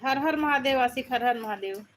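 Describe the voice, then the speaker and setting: Hosting a live stream, a woman works through viewer comments, reading each aloud and offering friendly, repeated greetings and thanks. She speaks at a normal speed in a high voice over slight hiss or hum.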